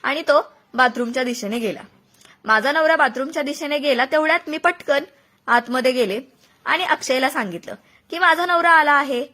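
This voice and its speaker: A woman's voice: high-pitched, normal speed, sharp tone. A woman narrating a dramatic first-person story, reporting what each person said as she goes. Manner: recounts events, voicing others' words within her telling.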